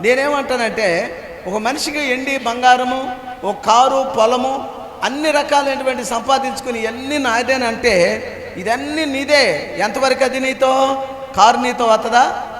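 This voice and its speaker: A man's voice: very high-pitched, a little slow, a bit bright. A man preaching a sermon as pastor, asking the congregation questions and answering them himself, repeating key phrases. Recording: echoey hall with long reverb.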